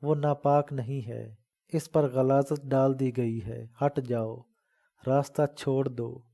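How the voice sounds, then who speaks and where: A man's voice: medium pitch, fairly even intonation, vocal fry, dark tone, lightly acted. A man voicing a fierce, protective old village mother in a dramatic audiobook reading, talking fervently and scolding. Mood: fierce defiance.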